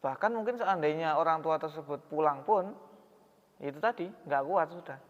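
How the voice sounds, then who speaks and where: In a slightly high voice at normal speed, a man gives a sermon in a mosque hall. He keeps the tone conversational and questions his listeners, and the recording has a dull sound with plenty of hall reverb.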